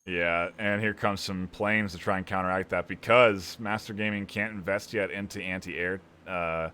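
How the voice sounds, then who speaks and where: A man's voice: sits low, steady tone, moderate pace, bright, forceful tone, smooth. A man casting a video game match, giving play-by-play and promoting the league during delays. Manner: upbeat, promotional, talks through delays. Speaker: esports caster. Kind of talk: play-by-play esports commentary. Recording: faint music behind.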